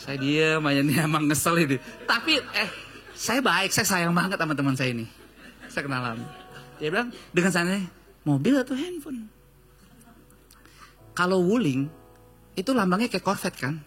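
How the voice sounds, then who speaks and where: A male pastor with a Jakarta Indonesian accent preaching a lively, joking sermon full of storytelling and acted-out quotes. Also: a little high, moderate pace, soft background music. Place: church stage.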